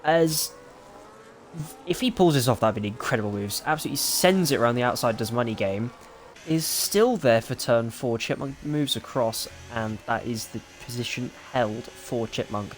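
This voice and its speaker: Excitable male sim racing commentator. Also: medium pitch. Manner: excitable rapid play-by-play. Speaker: lead race commentator.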